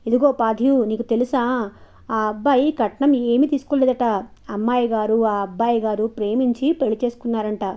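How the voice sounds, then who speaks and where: A woman's voice: a little high, brisk, highs cut off, natural voice. Woman doing a gossipy young village girl. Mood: chatty. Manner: lively gossiping, sometimes hushed.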